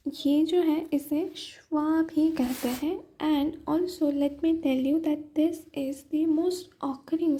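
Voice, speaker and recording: A woman teaching English pronunciation in a mix of Hindi and English, sounding out example words slowly and checking in with her listeners as she goes. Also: sits high, mellow. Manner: explains step by step, slows right down to sound out example words; checks in often with "ठीक है" and "okay". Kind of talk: classroom lesson, mixing Hindi and English.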